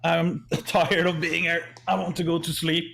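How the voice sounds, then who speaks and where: A man joining a group podcast by voice chat, his voice echoing back through a second device as he jokes deadpan. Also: fairly high pitch, measured pace, creaky. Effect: echo from a second device. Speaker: podcast guest. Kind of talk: casual banter on a group voice call. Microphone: remote voice chat.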